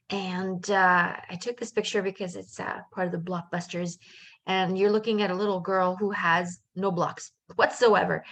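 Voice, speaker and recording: A middle-aged woman speaks at medium pitch with a slightly bright sound. She was born in Canada, grew up in France, and works as a life coach. Her casual live webinar is cheerful and talkative, loaded with fillers and asides.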